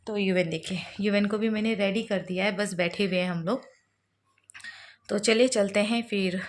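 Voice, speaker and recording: A woman's voice: mid-range voice, fairly even intonation, moderate pace, a little hiss or hum. A young woman, a mother, chatting straight to her viewers in a casual family vlog, first at home and then at a hospital. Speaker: vlogger, mother.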